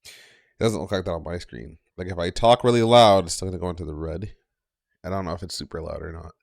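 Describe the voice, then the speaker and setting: Streamer, male, low gravelly voice, rambling and profane, at a home setup with the mic just under his mouth. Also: steady tone, quick pace, no room sound, studio quality. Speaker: game streamer. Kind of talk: casual live-stream chat. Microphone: mic just below the mouth.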